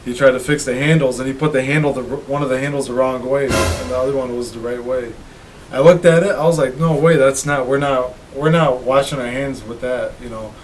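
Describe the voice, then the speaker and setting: A man's voice: medium pitch, a little fast, a little hiss or hum, rough recording. A man of about thirty co-hosting a casual podcast, laid-back and laughing readily. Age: 30s. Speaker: podcast co-host. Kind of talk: casual chat.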